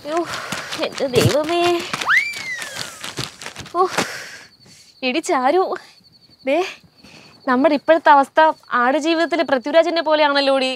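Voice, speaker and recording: A woman playing a spoiled, bossy young woman in a comedy sketch, scolding quickly. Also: high voice, noisy background.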